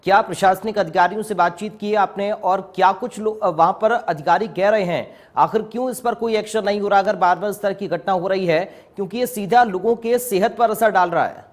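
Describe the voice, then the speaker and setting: A man's voice: high voice, fairly quick, hardly any pauses. A man anchoring a news broadcast, putting formal questions to field reporters.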